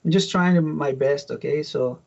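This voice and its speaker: A middle-aged Mexican pastor, a native Spanish speaker with a Mexican Spanish accent, gives his testimony as an interview guest, halting and restarting often. His voice is on the high side and gravelly, and the audio is dull.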